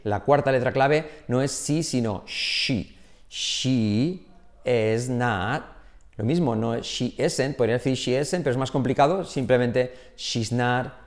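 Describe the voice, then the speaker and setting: Energetic man drilling English phrases. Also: mid-range voice. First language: Spanish. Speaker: English teacher. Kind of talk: online English lesson.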